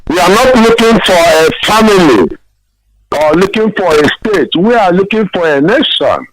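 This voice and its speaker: A man's voice: sits high, lively intonation, normal speed. A male caller speaking over a phone line on a live call-in broadcast, earnest and emphatic, repeating his key phrases.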